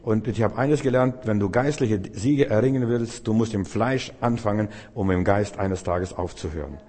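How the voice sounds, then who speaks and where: A man's voice: fairly low pitch, normal speed, dark tone, in a large hall. A male preacher delivering a sermon, speaking straight to the listener with repeated, emphatic phrases. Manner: addresses the listener directly as "du", repetitive, emphatic.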